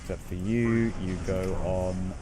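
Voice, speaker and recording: A man's voice: deep voice, steady tone, unhurried, noisy background. A man chatting casually as he streams a game, giving opinions and swearing freely. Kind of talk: casual live gaming commentary.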